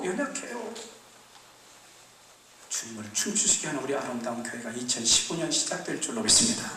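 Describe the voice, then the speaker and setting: Pastor, sermon, lively theatrical delivery, picked up from afar in a reverberant sanctuary. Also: male voice, mid-range voice, a little hiss or hum. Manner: dramatic storytelling, acting out scenes. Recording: echoey church hall, mic far off.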